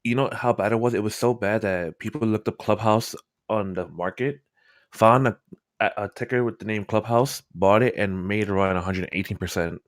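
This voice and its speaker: A man's voice: on the low side, moderate pace, no echo, studio quality. Chatty man hosting a live trading stream. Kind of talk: casual chat on a live stream.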